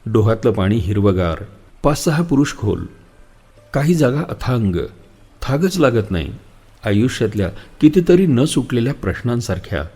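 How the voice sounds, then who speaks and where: A man reading a literary story aloud in a measured, reflective storytelling manner. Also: medium pitch, very animated, mellow, breathy edge. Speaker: narrator, audiobook reader. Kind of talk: literary audiobook narration.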